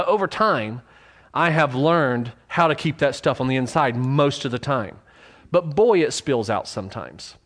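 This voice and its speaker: A man's voice: medium pitch, fairly bright tone. A pastor preaching in his church, telling a personal story in a candid, self-deprecating way, with frequent fillers and restarts.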